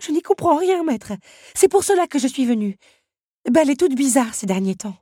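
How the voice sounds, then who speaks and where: Anxious teapot housekeeper done by a woman, high and teary. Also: big pitch swings, moderate pace, warm tone, dry recording, clean studio sound. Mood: worried. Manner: high, tearful, fretting.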